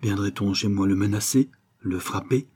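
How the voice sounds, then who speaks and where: A man's voice: fairly low pitch, normal speed, mellow, breathy edge. A man reading a novel aloud, voicing a desperate middle-aged mother who pleads for her son and husband in an anguished voice. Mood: defensive. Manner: pleading, anguished, rising to cries. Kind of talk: audiobook character reading.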